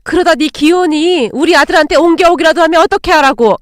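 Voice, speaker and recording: A woman voicing a cruel, superstitious middle-aged mother who shouts shrill accusations in a narrated story. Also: fast talker, no room sound, clean studio sound. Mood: scornful.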